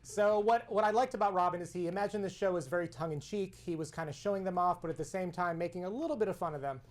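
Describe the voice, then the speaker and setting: A woman's voice: on the low side, quick pace. A woman hosting a comedic cocktail show, chatty and explaining each step. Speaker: host.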